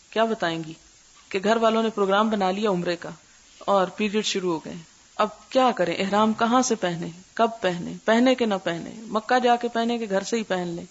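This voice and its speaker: An older woman teaching a religious lesson. She recites Arabic slowly, then explains each word and asks her listeners questions. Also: medium pitch. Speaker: Islamic scholar teaching hadith. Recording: dull lo-fi lecture recording.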